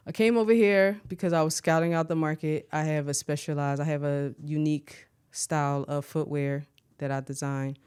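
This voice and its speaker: An American woman from Philadelphia, a shoe designer, talking as a podcast guest in a relaxed, conversational way. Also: low-pitched, clear, resonant tone. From Philadelphia, USA. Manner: relaxed, conversational, often asks "you know what I mean". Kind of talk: casual interview talk.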